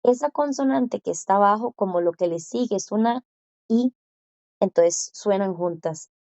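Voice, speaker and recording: Woman teaching, slow patient drills. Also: mid-range voice, darkish tone, no room sound, muffled recording. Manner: slow, careful pronunciation drills with repetition. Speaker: Korean language teacher. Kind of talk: classroom explanation.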